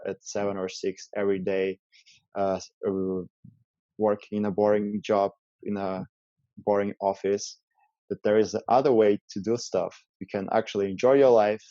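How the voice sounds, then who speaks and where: Low, mellow, hesitant male host. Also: no room sound, lo-fi sound. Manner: hesitant, many fillers. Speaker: interview host. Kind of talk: casual interview talk.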